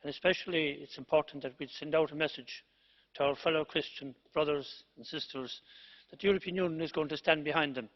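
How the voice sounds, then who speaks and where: A man's voice: a little high, fairly even intonation, a little fast. A man addressing a parliament debate in an emphatic, declaiming delivery. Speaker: member of parliament. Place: parliament chamber. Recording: reverberant chamber, muffled broadcast feed.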